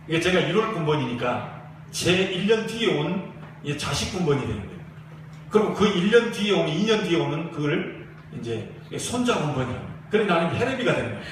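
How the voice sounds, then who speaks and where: High-voiced exhorting pastor in echoey church. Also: male voice. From Jeolla region, South Korea. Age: 40s. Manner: emphatic, exhorting preaching. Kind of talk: sermon. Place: church sanctuary. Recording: echoey church hall, distant mic, faint hiss.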